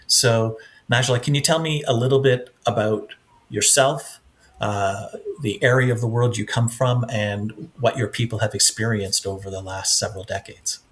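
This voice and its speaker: A man's voice: mid-range voice, moderate pace. A man hosting an interview podcast, asking long questions with many restarts and fillers. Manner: hesitant, searching for words with many restarts. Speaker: podcast host.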